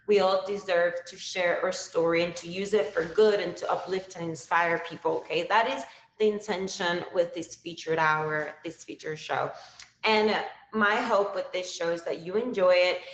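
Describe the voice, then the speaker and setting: A woman's voice: on the low side, moderate pace, reverberant, slight background noise, poor audio. A woman from Cuba hosting a live-stream talk show, chatty and upbeat, often checking in with viewers. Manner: chatty, upbeat, keeps saying okay to viewers. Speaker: livestream show host.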